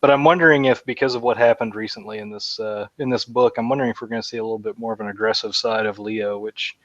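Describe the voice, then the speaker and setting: A man's voice: on the low side, fairly even intonation, quick pace, a bit bright, no room sound, dull audio. A man co-hosting a podcast, chatting casually and rambling with lots of fillers. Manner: rambling, enthusiastic fan talk with many fillers. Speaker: podcast co-host. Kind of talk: casual chat.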